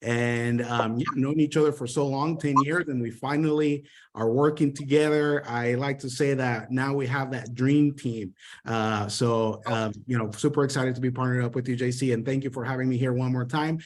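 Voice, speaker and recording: A man from Honduras gives an upbeat sales training over an online call, his pitch sitting in the ordinary middle range. He talks with many fillers and repeats his words, eager and encouraging. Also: steady tone, moderate pace. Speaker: sales trainer, guest mentor.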